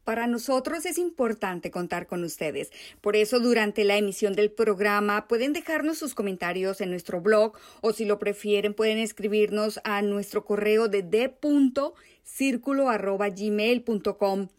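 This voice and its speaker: A woman co-hosting a radio show from home, announcing contact details in a measured way. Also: mid-range voice. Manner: measured, reads out contact details and guest introduction. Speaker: radio co-host.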